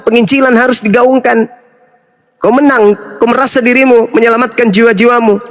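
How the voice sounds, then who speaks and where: A middle-aged man scolds and mocks his opponents in an indignant rebuttal. His voice sits very high for a man. A long hall reverb trails each phrase. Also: fairly bright tone. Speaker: Islamic apologist speaker. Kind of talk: heated rebuttal talk.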